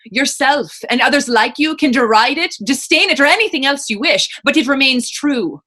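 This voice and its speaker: In a readers theater stage reading, an actress with a high, expressive voice speaks at a moderate pace with a sharp edge. She plays a proud, defiant woman rumored to be a witch, taunting others in folksy dialect.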